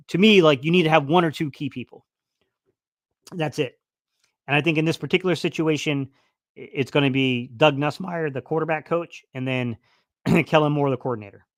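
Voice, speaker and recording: With a fairly high pitch and no room sound, a man hosts a casual football live stream, reading the chat aloud. He rambles with lots of fillers and restarts. His voice is starting to wear out, and he's losing it a little.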